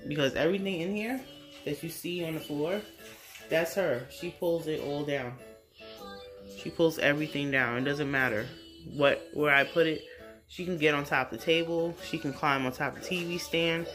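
A woman's voice: sits low, normal speed, fairly bright tone, soft background music. A woman in her thirties chatting casually in a home vlog while cleaning her apartment, rambling with fillers. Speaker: mom vlogger. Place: home apartment kitchen and living room. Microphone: phone camera held close or propped.

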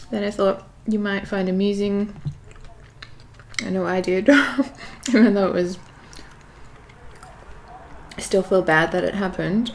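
A shy, awkward young woman chatting hesitantly while she eats at home, in a fairly monotone voice with many ums. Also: mid-range voice, noisy background. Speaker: YouTube creator. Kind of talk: casual mukbang chat while eating. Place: at home indoors by a window.

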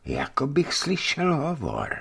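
A man voicing a huge, lovesick young watchman in a read-aloud story, speaking plainly and loudly. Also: huge pitch swings, creaky, husky, full character voice. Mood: earnest. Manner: booming yet shy, talks plainly.

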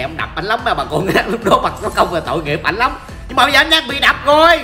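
A man's voice: high voice, sharp tone. A man with a Southern Vietnamese accent giving joking, chatty commentary over a game he is playing live, teasing opponents and talking to viewers. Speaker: gaming streamer.

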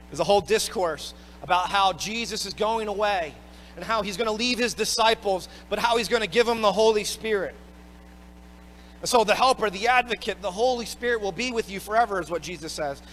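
A man pastor preaching a sermon, expressive, swinging between loud emphatic bursts and quiet low phrases. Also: slight background noise. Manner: expressive preaching, rising and dropping in pitch and volume.

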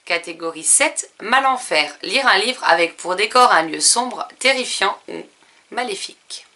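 Bright-voiced chatty French book vlogger woman. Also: mid-range voice, animated, a little slow. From France. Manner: chatty, reads out a list with frequent fillers and self-corrections. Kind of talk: casual book challenge presentation.

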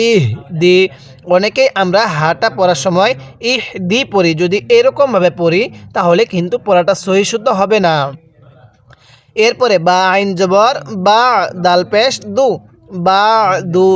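A man with a Bangladeshi Bengali accent, teaching Quran reading in a spoken tutorial, sounding out letters slowly one by one. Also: sits high. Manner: slow, drawn-out letter-by-letter recitation.

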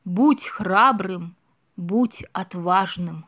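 A woman's voice: on the low side, slight background noise, pitched below the performer's own voice, full character voice. A woman voicing a solemn old stag chief. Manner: slow, hushed and grave. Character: wise old male deer chief, solemn.

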